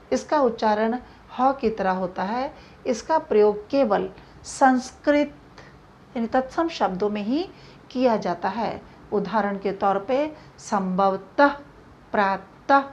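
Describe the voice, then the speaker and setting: A woman teaching a grammar lesson, speaking slowly and deliberately and spelling out each example. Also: a little high, darkish tone. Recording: dull lo-fi recording.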